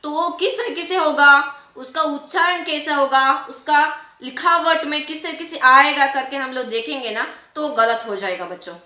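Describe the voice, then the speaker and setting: A woman teacher explaining a writing lesson to children, repeating and stretching out example words slowly. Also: sits high, bright, forceful tone, reverberant. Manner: repetitive, drawn-out word demonstrations, addresses children often.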